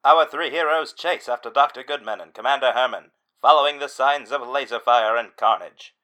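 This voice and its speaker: A man giving mock-dramatic scripted narration in a deadpan, dramatic manner. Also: medium pitch, moderate pace, low-quality recording.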